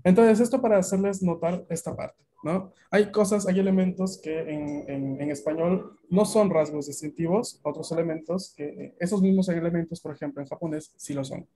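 A man's voice: a little high, fairly even intonation, normal speed, few pauses, dark tone, a little hiss or hum. A Latin American man teaching a beginner language class over a video call, explaining at length and often checking that students follow.

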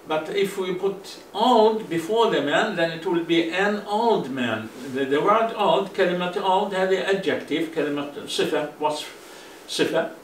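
A man teaching a bilingual grammar lesson. He says each English phrase slowly and more than once, then explains it in quicker Arabic with drawn-out fillers and restarts. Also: high-pitched. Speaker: language teacher. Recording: roomy, from a distance, faint hum.

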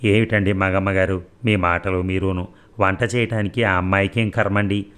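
A man reading the part of a calm but firm middle-aged aunt who reasons and reproves. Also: low voice, normal speed, clear, resonant tone. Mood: reasoning.

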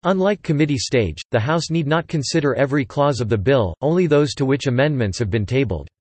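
A synthetic male voice reading an encyclopedia article in a steady, even manner. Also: mid-range voice, a little fast, slightly rough, no room sound. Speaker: text-to-speech reader.

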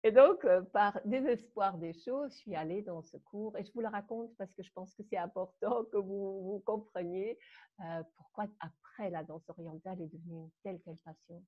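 A German woman in her fifties with a German accent, a guest dance teacher, tells her personal story on a live video call from a room at home. Her medium-pitched voice moves at a moderate pace; she's animated, hesitates often, and laughs between phrases, and the webcam audio sounds muffled.

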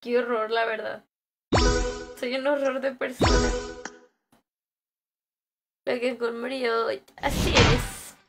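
A woman's voice: on the high side, little pitch movement, takes it slowly, long pauses, loud music behind the voice. A young woman, chatting casually on a game stream, joking and greeting viewers as she reads their messages. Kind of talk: casual live-stream chat.

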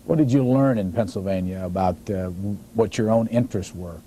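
A male interviewer in a TV studio puts measured questions to his guest. His voice sits fairly low with a dark, mellow tone. Faint hiss runs under the studio sound. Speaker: interviewer, host.

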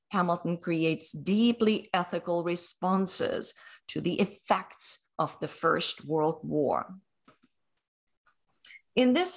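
A middle-aged woman delivers an academic keynote from a prepared text, speaking slowly and deliberately. Her voice sits on the low side, with the odd filler breaking the reading. She is heard through a webcam on a video call. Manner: measured, reads from prepared text with occasional fillers. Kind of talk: academic lecture over slides.

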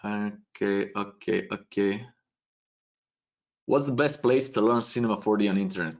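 A man's voice: on the low side, a little slow. A man in his thirties with a Serbian accent, thinking aloud in loose non-native phrasing as he answers questions in a live webcam tutorial from a small home room. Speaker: webinar presenter answering questions. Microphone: webcam video call. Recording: dull lo-fi stream audio.

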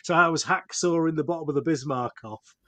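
A man's voice: a little high, fairly quick, bright, forceful tone. A man with a Yorkshire accent chatting casually as a podcast host, in a rambling, self-deprecating manner. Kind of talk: casual chat.

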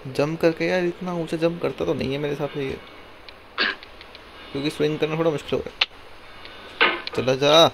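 A hoarse man giving casual gameplay commentary, pleading with and scolding his game character and counting one, two, three before each move. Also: a little high, steady tone, a little fast, long pauses. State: hoarse throat. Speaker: gameplay streamer. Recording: noisy recording with mouse clicks.

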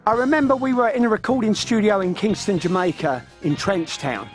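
Wearing headphones in front of a studio mic, this radio guest, a man in his fifties with a London accent, swaps anecdotes in relaxed conversation. His voice is high and his pace brisk, and gentle music plays behind him.

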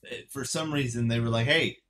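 A man's voice: mid-range voice, lively intonation, a little fast, fairly bright tone, slight background noise. A man co-hosting a casual gaming podcast, rambling through his points with friends and laughing often. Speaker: podcast co-host. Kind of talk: casual chat.

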